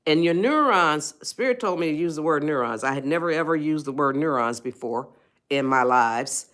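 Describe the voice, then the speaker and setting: A woman's voice: deep voice, lively intonation, normal speed, fairly bright tone. Emphatic woman hosting a live stream. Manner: emphatic and repetitive, often checks in with listeners; speaks directly to viewers as a group. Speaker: author and parenting speaker. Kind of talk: live-stream motivational talk. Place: her own live stream.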